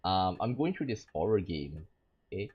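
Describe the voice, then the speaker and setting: Between reading the game's text, a Malaysian VTuber gaming host rambles through his let's-play, packing in "like" and "you know." He has a deep, sing-song voice at a normal speed, and the audio has its highs cut off plus slight background noise.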